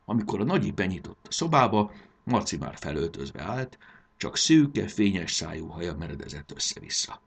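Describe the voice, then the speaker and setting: A man narrating a children's story in a gentle, expressive reading. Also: low-pitched, gravelly, husky.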